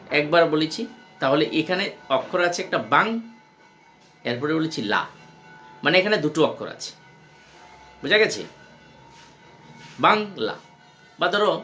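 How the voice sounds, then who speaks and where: A man's voice: on the high side, sharp tone. A man lecturing college students, explaining step by step and often repeating questions to the class. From India.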